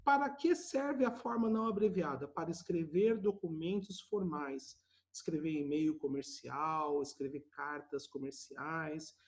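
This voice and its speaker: A Brazilian man with a notably high voice leads an online language lesson over a video call. He explains in a chatty, running manner and keeps checking in with his students through little questioning asides after almost every phrase. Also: unhurried. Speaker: English teacher.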